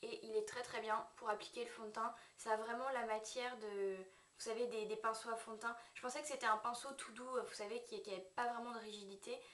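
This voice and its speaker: A woman giving a casual makeup brush review to her viewers, chatty and hesitant, often pausing and correcting herself. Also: on the high side, fairly even intonation, a bit bright. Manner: chatty, hesitant, with frequent fillers and self-corrections. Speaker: beauty vlogger. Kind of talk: casual product review to camera. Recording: echoey room, mic set at a distance.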